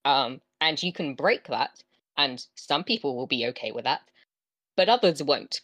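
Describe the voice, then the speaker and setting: Low-voiced West Country woman, dry close sound. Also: lively intonation, measured pace, a bit bright, no echo. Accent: West Country English. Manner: informal, emphatic, peppers talk with "like". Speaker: podcast co-host. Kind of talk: casual chat.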